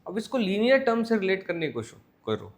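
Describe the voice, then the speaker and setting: Indian male physics tutor, fairly high voice, questioning, dictates slowly. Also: sing-song. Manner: mixes Hindi and English, asks students frequent check questions; slow, word-by-word dictation while writing. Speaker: physics teacher. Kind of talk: classroom lecture.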